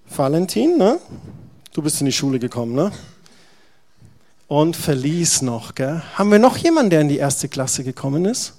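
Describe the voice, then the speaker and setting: Man, pastor, high voice, lively family sermon, talks to the kids. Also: moderate pace, pauses often. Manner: lively storytelling, acting out quotes, addressing children.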